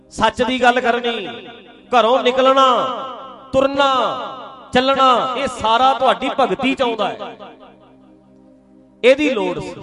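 A man from Punjab in India preaching a Sikh sermon to a congregation, lively and teasing, throwing rhetorical questions at his listeners. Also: very high voice.

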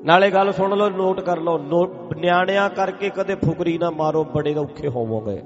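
A Sikh preacher with a high voice speaks at normal speed from a gurdwara stage in a hall, over music, in a muffled recording with a long reverb tail. His sermon is emphatic and repetitive, hammering points home and breaking into chanted scripture verses.

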